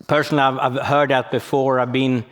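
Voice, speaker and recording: A man's voice: mid-range voice, little pitch movement, fairly quick, a bit bright. A man from Sweden, giving a conference presentation and explaining things as he thinks aloud. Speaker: conference speaker. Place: conference venue hall. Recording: long hall reverb.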